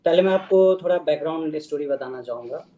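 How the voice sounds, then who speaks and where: A man's voice: a little high, fast, warm tone, rough recording. A man in his twenties calling in to a debate, defensive and mixing in English as he argues his side. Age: 20s. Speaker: caller. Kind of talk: casual debate call.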